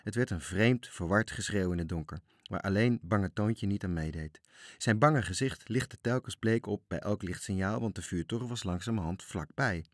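A man with a fairly low voice reads a children's story with lively storytelling. The sound is dry, with no room echo. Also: normal speed. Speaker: narrator.

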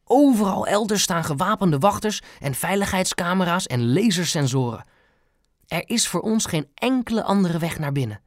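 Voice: mid-range voice, expressive, normal speed, no room sound, studio quality, voice pushed up, lightly acted. A narrator voicing an eager, scheming young boy laying out a plan, in an audiobook reading. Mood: conspiratorial. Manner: eager, conspiratorial.

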